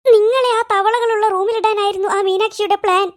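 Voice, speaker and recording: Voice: very high voice, fairly even intonation, brisk. A voice actor voicing a jumpy, easily frightened middle-aged woman in a comic cartoon, with shrieking, whiny exclamations. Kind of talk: cartoon voice acting.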